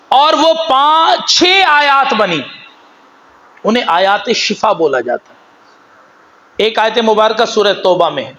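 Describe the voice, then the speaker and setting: High, bright-voiced Pakistani preacher man. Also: low-quality recording. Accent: Pakistani Urdu. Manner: animated, swings between low storytelling and raised exhortation; slow, drawn-out recitation of Arabic phrases. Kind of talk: sermon.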